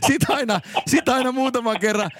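A man hosting a casual podcast, telling anecdotes in a lively way and laughing easily. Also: very high voice, background noise. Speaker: podcast host. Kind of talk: casual chat.

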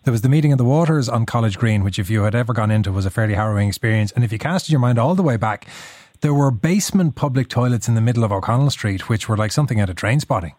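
A man's voice: medium pitch, expressive, racing, a little mellow, dry recording. A man with an Irish accent hosting a radio interview in a conversational, wry way.

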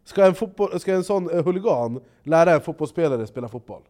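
A man talking in casual podcast chat, fired up and swearing freely. His voice swings widely, and he acts out other people's lines in loud voices. He sits a little higher than most men. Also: animated. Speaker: podcast co-host.

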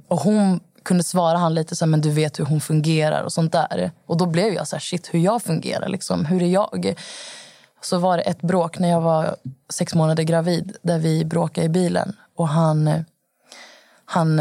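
Low, gravelly-voiced young woman recounting. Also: level tone, dark tone, no echo, clean studio sound. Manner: rambling storytelling with many fillers. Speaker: podcast guest. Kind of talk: personal account in casual conversation.

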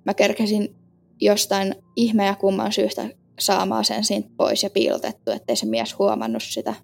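A woman earnestly retelling a personal experience in casual speech, halting with fillers and often sinking low and soft at the ends of phrases. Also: gravelly. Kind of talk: personal story told in casual spoken Finnish.

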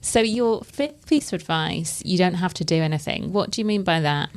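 A woman interviewer with a lowish voice guides the talk. She asks clear questions and answers with short, encouraging words. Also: expressive, brisk. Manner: encouraging, brief affirmations. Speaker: interview host.

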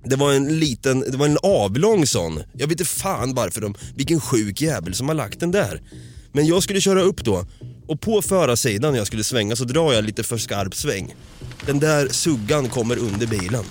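Give me a man from Sweden telling a story in casual chat, cursing freely with a lively, swinging pitch. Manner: swears a lot, animated retelling with laughter. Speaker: podcast storyteller.

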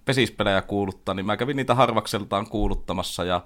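A man who works as a sports announcer, talking casually about his work with frequent pauses and fillers. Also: fairly low pitch. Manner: hesitant, many fillers, steady. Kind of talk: casual chat.

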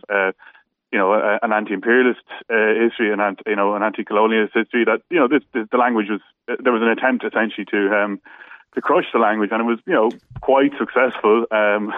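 Halting man on a narrow phone line. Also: mid-range voice, dry recording. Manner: very hesitant, halting delivery with many false starts. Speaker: phone-in debater. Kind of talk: radio debate.

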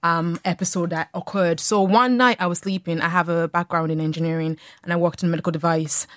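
A woman speaks candidly as an interview guest, with little rise and fall in a slightly low voice. The sound is dry and close. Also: fairly even intonation, fairly quick, a bit bright, dry recording. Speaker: guest, technology developer. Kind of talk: personal account in radio interview.

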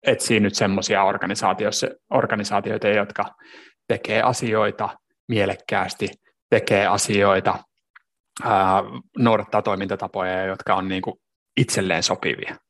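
A man's voice: on the low side, flat delivery, a bit bright. A man co-hosting a podcast, talking reflectively about workplace culture in a casual discussion. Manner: reflective, with many restarts and fillers. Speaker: podcast co-host.

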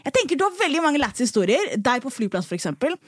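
Young woman comic, high and lively voice, dry close sound, podcast chat. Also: dry recording. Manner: animated storytelling with laughs. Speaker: comedian guest.

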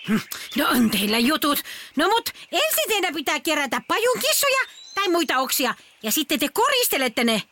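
A woman's voice: sits high, sing-song, bright, forceful tone, a little hiss or hum, full character voice. A woman voicing a cranky old Easter witch in a children's audio story, grumbling and bossy. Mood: grumpy.

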